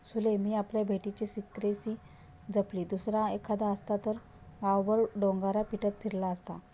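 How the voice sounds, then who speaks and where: A woman narrator voicing a remorseful grown man who pleads for forgiveness, in a mellow voice close to her own. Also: mid-range voice, flat delivery, moderate pace, a little hiss or hum, close to an everyday voice. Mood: pleading. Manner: pleading, apologetic.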